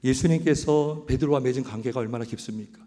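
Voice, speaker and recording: A man's voice: mid-range voice, fast, long reverb tail. A man preaching a sermon as pastor, quizzing his congregation and acting out quoted lines. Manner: animated preaching, asks the congregation questions; acts out quoted lines in other voices. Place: church sanctuary.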